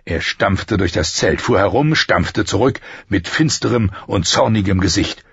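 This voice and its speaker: A man narrating a fantasy novel as an audiobook, in a measured storytelling manner. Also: fairly low pitch, expressive, creaky, fairly bright tone, husky, no echo, muffled recording.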